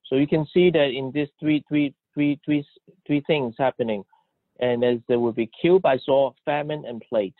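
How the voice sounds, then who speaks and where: A man interpreting a sermon live, halting and restarting often as he searches for words. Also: medium pitch, steady tone, no room sound. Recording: dry, tinny phone-like line.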